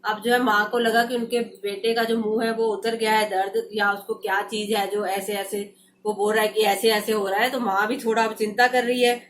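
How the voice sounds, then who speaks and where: A woman's voice: mid-range voice, flat delivery, normal speed, a little hiss or hum. A woman teacher explaining a textbook story, retelling each passage in loose everyday speech with many fillers.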